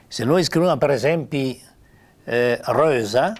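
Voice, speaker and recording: An older man with a Piedmontese accent giving an informal spoken lesson on spelling, halting with many pauses and fillers. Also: medium pitch. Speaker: writer teaching Piedmontese spelling.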